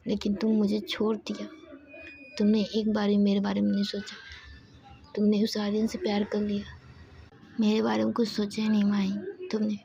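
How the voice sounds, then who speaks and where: A brooding, heartbroken young husband, read by a woman narrator, speaks in a hushed, bitter murmur. The voice is mellow and flat. A dull lo-fi recording with faint hiss. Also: medium pitch, creaky, natural voice.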